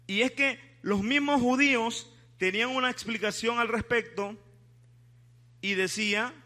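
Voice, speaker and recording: Bright, high-voiced pastor. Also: male voice. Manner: asks the congregation questions, leads call-and-response. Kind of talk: sermon. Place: church before a congregation.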